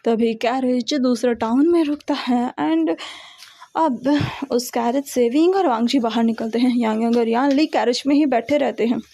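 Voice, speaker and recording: A woman narrating and explaining a story in a steady storytelling manner, mixing in English connectives. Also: a little high, normal speed, no room sound.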